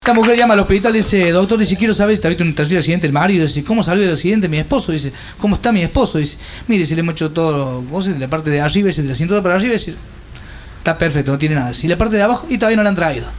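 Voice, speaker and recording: A man with a Cordoban Argentine accent rattles off stand-up jokes in a high voice and slips into the voices of his characters. His recording carries plenty of background noise. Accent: Cordoban Argentine Spanish. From Córdoba, Argentina. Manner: rapid-fire jokes with voiced characters and laughing. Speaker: stand-up comedian. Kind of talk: joke-telling stand-up.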